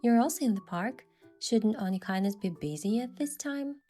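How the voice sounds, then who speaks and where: In first person and with acted dialogue, a woman narrates a scripted game event story in which she is the lead character, with music playing behind. Her voice sits on the high side, dark-toned, with lively intonation at a moderate pace.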